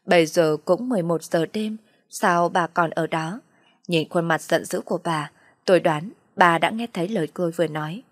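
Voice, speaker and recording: Woman narrating a sad story softly. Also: fairly low pitch, no room sound, clean studio sound. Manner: soft, sorrowful storytelling. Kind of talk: first-person audio story narration.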